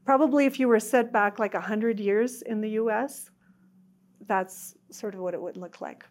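A woman's voice: medium pitch, moderate pace, darkish tone. A woman from Uzbekistan, giving reflective, plain-spoken interview testimony.

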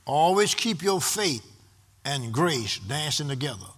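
Bright-voiced preaching man. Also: a little high, big pitch swings, measured pace. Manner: rhythmic preaching with repeated refrains, rising in intensity. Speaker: pastor. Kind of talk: sermon.

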